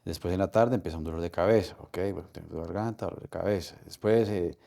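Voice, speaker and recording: A middle-aged Colombian man speaking as an interview guest, his voice low and mellow. He talks in a halting, emotional way, stopping and restarting often as he recounts things in a candid sit-down conversation. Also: creaky. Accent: Colombian Spanish.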